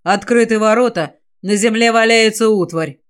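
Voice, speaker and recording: A woman reading as a wary male scout in a fantasy audiobook. He speaks slowly and with unease, reporting in a troubled voice. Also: a little high, natural voice. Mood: worried. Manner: slow, troubled, heavy sighs in words.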